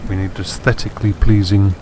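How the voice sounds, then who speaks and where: Low-voiced man with a sore throat. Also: flat delivery, a little fast, noisy background. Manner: dry, wry self-mocking asides. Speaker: gameplay commentator. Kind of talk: let's play commentary.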